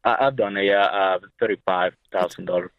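A man's voice: low-pitched, fairly even intonation, no room sound. Hesitant young man on a phone line. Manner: hesitant, many pauses and filler sounds. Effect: heard over a phone line. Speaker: caller. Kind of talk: call-in advice show. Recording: dull lo-fi phone sound.

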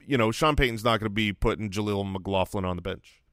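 A man co-hosting a fantasy football podcast, teasing his partner in animated back-and-forth. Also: on the low side, a little fast, smooth, no room sound, clean studio sound. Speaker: podcast co-host. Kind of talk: casual sports chat.

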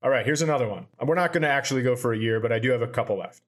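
A medium-pitched co-host rattles along very fast on a casual comedy podcast, reading out items with a straight, flat delivery. His storytelling is animated and heavy on profanity.

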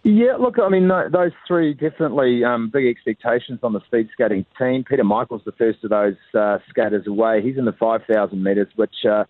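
A man with a mid-range voice phones in live to a radio show, talking a little fast with hardly any pauses and plenty of "uh" fillers. His chatty report comes through a tinny, dry telephone line.

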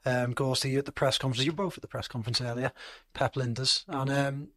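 A man's voice: mid-range voice, flat delivery, fast talker, fairly bright tone, no room sound, studio quality. An English man hosting a football podcast, chatting in a jokey, rambling way. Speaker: podcast host. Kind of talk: casual football podcast chat.

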